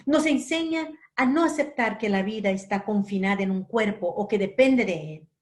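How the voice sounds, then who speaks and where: A woman from Brazil giving a spiritual lecture, telling a personal story in a gentle, unhurried way with soft asides. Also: mid-range voice, lively intonation.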